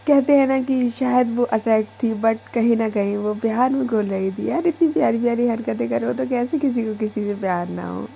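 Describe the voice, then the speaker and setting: A woman's voice: a little high, normal speed, vocal fry, hardly any pauses, mellow, a little hiss or hum. A woman telling a love story casually, chatty with hesitant fillers. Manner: chatty, hesitant, mixes English in.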